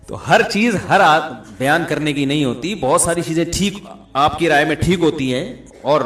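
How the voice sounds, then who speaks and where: A middle-aged man preaches in a lively, joking storytelling manner. His voice sits fairly high. The sound carries a roomy echo. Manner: lively storytelling with humor, often chuckling. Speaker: Islamic preacher. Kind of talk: Urdu religious talk with anecdotes.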